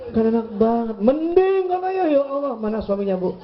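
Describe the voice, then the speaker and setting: Playful preacher man, very animated pitch. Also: brisk. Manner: playful, teasing, acts out voices of husbands and wives. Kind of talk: lively sermon to a women's gathering. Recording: muffled lo-fi event recording.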